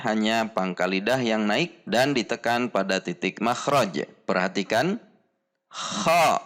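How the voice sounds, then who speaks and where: A man with an Indonesian accent teaching Quran letter pronunciation in a slow lesson, drilling each sound again and again. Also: fairly low pitch, a bit bright. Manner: slow, deliberate, demonstrates sounds repeatedly.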